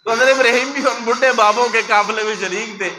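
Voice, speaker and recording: A man preaches with a very high voice, telling a religious story and giving the quoted figures voices of their own. His sermon style is vivid and theatrical. A steady hiss of background noise runs under the recording. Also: a little fast. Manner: acts out quoted speakers in changed voices. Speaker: mufti preacher.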